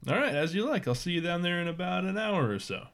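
A man doing a gruff woman client. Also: high-pitched, sing-song, quick pace, a bit bright, voice pushed up, exaggerated voice. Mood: polite, brisk. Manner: gruff, businesslike, eager. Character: gruff woman client calling about a job.

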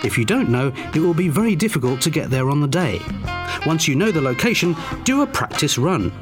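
A British man presenting a scripted radio comedy show in a dry, deadpan manner. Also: a little high, brisk, music in the background.

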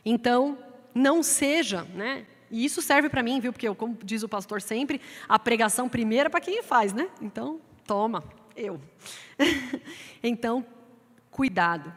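Brazilian woman preaching in a big church. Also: a little slow. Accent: Brazilian Portuguese. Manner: lively, acts out quoted voices in a raised pitch. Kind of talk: sermon. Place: church sanctuary. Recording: long hall reverb from the church sanctuary.

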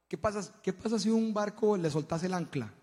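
A man's voice: sits high, moderate pace, darkish tone, in a large hall. A man giving a sermon-style testimony talk to a congregation. He tells stories animatedly, often stumbling and repeating words. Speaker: church speaker.

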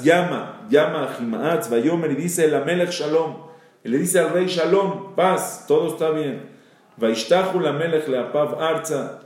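Echoey rabbi. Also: male voice, medium pitch, darkish tone. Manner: reads Hebrew verses, then explains them in Spanish; repeats phrases for emphasis. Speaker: rabbi teaching. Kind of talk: Bible storytelling lesson. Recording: very echoey room.

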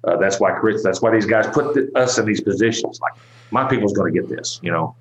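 Country singer, very low voice, dull muffled sound, easygoing rambler. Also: male voice, brisk, a little hiss or hum. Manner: rambling, relaxed, many fillers and restarts. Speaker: country singer-songwriter, guest. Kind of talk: casual interview talk.

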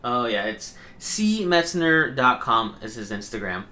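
A man's voice: mid-range voice, sing-song, unhurried, pushed and bright. Brief: young male host, casual crude banter, rambling delivery. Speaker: podcast host.

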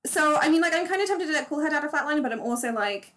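A woman co-hosting a podcast in casual chat, talking fast and loose with many fillers and restarts. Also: high voice, lively intonation, a bit bright, a little hiss or hum. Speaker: podcast co-host.

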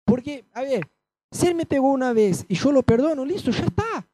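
A man's voice: very high-pitched, brisk, dry recording. A man preaching a sermon with a Rioplatense Spanish accent, telling stories and acting out the voices of the people in them. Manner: animated storytelling, acting out quoted voices.

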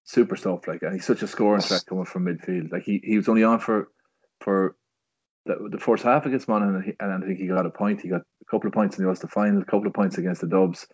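A man's voice: deep voice, fairly even intonation, fast talker, husky. A man with an Irish accent giving casual sports analysis as a podcast pundit. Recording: dry but slightly dull podcast audio.

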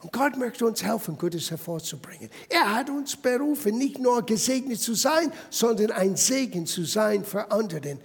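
A man's voice: high voice, expressive, normal speed, vocal fry, few pauses, husky, long reverb tail. A man preaching a sermon as pastor, emphatic and addressing the listeners directly.

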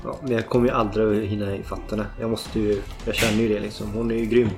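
A man's voice: fairly low pitch, level tone, echoey room, over music. A man playing in a tabletop role-playing game who swears often when his rolls go wrong and argues over his shots. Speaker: player.

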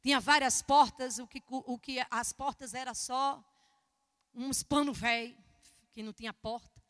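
High bright woman preaching, echoey hall. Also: measured pace. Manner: animated storytelling, acting out dialogue. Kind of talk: sermon testimony. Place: church service.

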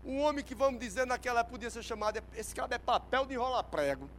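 A man preaching a sermon at a church service. He is emphatic, swinging from hushed asides to shouted exclamations. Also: extremely high pitch, fast talker, slight background noise, low-quality recording.

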